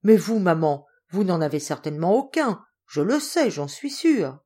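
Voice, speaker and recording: A woman's voice: fairly low pitch, big pitch swings, normal speed, dark tone. A woman voicing an affectionate, eager young noble daughter who speaks fervently and effusively. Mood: earnest.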